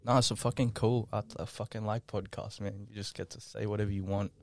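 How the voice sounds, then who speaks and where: A man's voice: fairly low pitch, level tone, a little fast, creaky, a little mellow, no echo, clean studio sound. Rambling sweary teenage guy. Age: late teens. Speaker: podcast guest. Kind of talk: casual chat. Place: small studio room.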